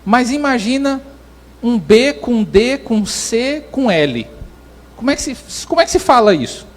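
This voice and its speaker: Male pastor, sermon, high voice, explains step by step with frequent restarts. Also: sing-song, a little slow. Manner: explanatory preaching with many restarts.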